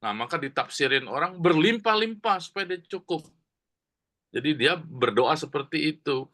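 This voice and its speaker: Chatty preacher with a bright voice. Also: male voice, a little high, expressive, normal speed. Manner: conversational storytelling, many fillers and asides to the congregation. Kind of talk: sermon. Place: church.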